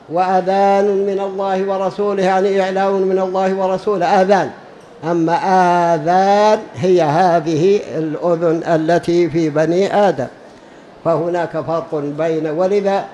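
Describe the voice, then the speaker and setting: A man with a high-pitched voice delivers a religious lesson to his listeners. He is emphatic, repeats his key phrases for weight, and stretches words out when showing how they should be said. A faint noise sits under the recording. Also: warm tone, low-quality recording. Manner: drawls words out when demonstrating pronunciation. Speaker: preacher.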